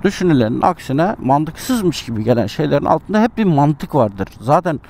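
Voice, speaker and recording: A man's voice: on the high side, big pitch swings, normal speed, creaky, a little mellow. A Turkish man chatting casually to his viewers while riding a motorbike through city traffic, musing and commenting on the road. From Turkey. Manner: chatty, musing, talks to himself about the road. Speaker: motovlogger. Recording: faint road and engine noise.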